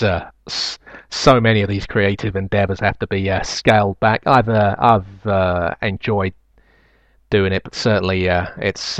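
A man's voice: sits low, fairly bright tone, dry recording. A man hosting a casual solo podcast, reading out listener emails with hesitant ums and uhs and dry self-mocking asides. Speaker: podcast host.

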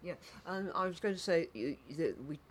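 Higher-voiced man, chatty interviewer. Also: animated, normal speed, fairly bright tone, slight background noise. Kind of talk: conversational arts interview.

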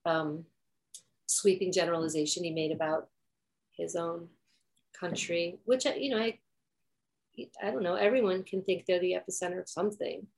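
A woman's voice: on the low side, steady tone, moderate pace, pauses often, a little mellow, a little hiss or hum. A woman co-hosting a podcast in casual chat, talking loosely with lots of "like" fillers and laughing easily. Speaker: podcast co-host.

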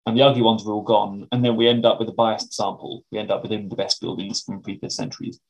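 A man's voice: fairly low pitch, level tone, fast talker, poor audio. Donnish British man, careful academic talk. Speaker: academic researcher, interview guest. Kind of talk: explanatory interview talk.

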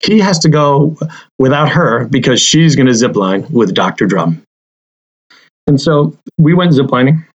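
Man, 40s, family physician recounting a patient story; halting delivery full of restarts, mid pitch, slightly muffled recording. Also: lively intonation. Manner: halting, repeats words, many fillers. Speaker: family doctor. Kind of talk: personal storytelling.

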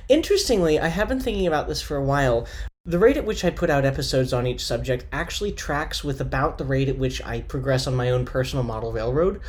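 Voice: mid-range voice, lively intonation, quick pace. An American graduate student in their twenties hosting a hobby podcast, chatting casually with wry, self-mocking asides. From United States. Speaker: podcast host.

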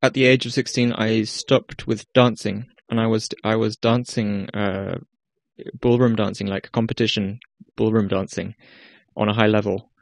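A young Icelandic-accented man speaks in a low, even voice, telling his story in a relaxed interview. He hesitates and restarts often as he searches for words. The sound is close and dry, with no room around it. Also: normal speed, creaky, dry recording. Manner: hesitant, many restarts and fillers. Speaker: guest musician. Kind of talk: casual interview talk.

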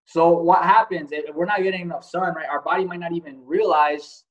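A man's voice: a little high, steady tone, fairly quick, fairly bright tone, dull audio. A man giving a casual motivational talk as host, blunt and profane, asking many rhetorical questions. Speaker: podcast host.

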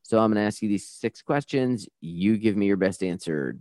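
Low-voiced encouraging man host. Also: lively intonation, moderate pace, a little mellow, no echo, studio quality. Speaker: podcast host. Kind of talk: interview podcast hosting. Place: studio in Florida.

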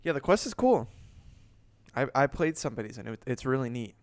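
A man hosting a podcast, chatting casually and rambling through restarts with plenty of swearing. His voice sits at an ordinary pitch and comes across dry and close. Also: big pitch swings, fairly quick, dry recording. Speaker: podcast host. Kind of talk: casual chat.

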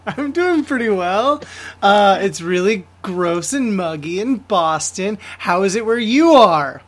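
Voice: medium pitch, expressive, takes it slowly. Podcast host, playful and laughing a lot, mid-range voice. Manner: friendly, laughs often, playful banter. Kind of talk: casual interview.

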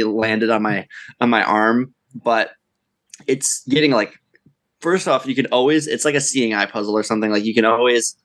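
A man's voice: on the low side, a bit bright. A young man co-hosting a podcast, talking in a rambling, easygoing way and laughing often. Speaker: podcast co-host. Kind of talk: casual chat.

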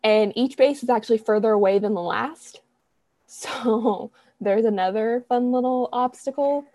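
A young woman co-hosting a podcast talks in a rambling, chatty way, frequently correcting herself amid plenty of fillers. Her dark-toned voice sits on the high side and moves unhurriedly, with no room sound around it.

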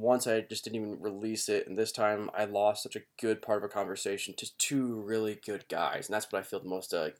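A man hosting a podcast, giving a casual, rueful and apologetic spoken intro recorded in a home basement. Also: on the low side. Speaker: podcast host.

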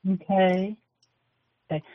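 A man's voice: high-pitched, steady tone, slow pace. A man working as a casting agent, talking hesitantly with many restarts, heard over a phone speaker. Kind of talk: phone call. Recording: tinny phone line.

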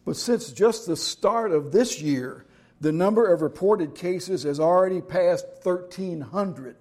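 A man's voice: sits high, a little slow, darkish tone. A middle-aged man preaching a sermon as pastor, telling jokes and stories in a folksy way. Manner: folksy joke-telling storyteller.

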